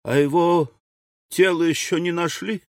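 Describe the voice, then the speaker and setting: A male audiobook reader voicing a fussy, anxious older widow who talks in a shrill, excitable way. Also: unhurried, dry recording, clean studio sound. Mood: complaining. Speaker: audiobook character. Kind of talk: audiobook character reading.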